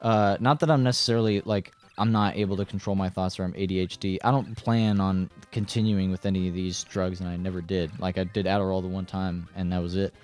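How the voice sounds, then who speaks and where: A young man in casual conversation with a fairly low voice, rambling through stories with crude jokes and restarts. Faint music plays underneath. He talks loosely as a co-host with a friend. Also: fairly even intonation, a little fast, few pauses, a little mellow. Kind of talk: casual chat.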